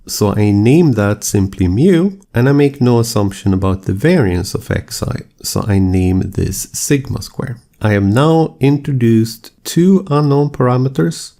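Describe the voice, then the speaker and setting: Male lecturer, low mellow voice, slightly gravelly, measured and explanatory. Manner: measured and explanatory, steady deliberate delivery. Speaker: statistics lecturer. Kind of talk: scripted lecture narration.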